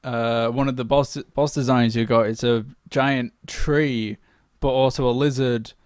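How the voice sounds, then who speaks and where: A man's voice: medium pitch, steady tone, unhurried, a little mellow, clean tone, dry recording. A man who talks eagerly and rambles, filling his speech with "like". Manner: enthusiastic, rambling, uses "like". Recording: very dry.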